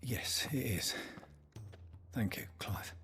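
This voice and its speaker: Sad old-world doctor, slow gravelly voice, music in the back. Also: male voice, medium pitch, a bit bright, whispered. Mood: solemn. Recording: game audio with music behind.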